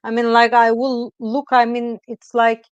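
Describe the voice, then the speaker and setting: Woman, Turkish accent, middle-aged, slightly high voice, rambling with fillers, dull lo-fi video call. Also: completely flat delivery, a little slow, clear, resonant tone, no echo. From Turkey. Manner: rambling, hesitant, many "I mean, like" fillers. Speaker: guest astrologer. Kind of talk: casual interview chat. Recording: dull lo-fi sound.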